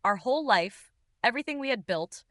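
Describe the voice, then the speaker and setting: A woman's voice: fairly high pitch, lively intonation, brisk, a bit bright, dry recording, studio quality. A woman narrating a dramatic first-person confessional story in a tense, intimate way.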